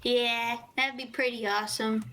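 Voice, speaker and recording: Bright folksy young woman. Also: on the high side, little pitch movement, normal speed, slight background noise, rough recording. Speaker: roleplay player. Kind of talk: in-character roleplay chat.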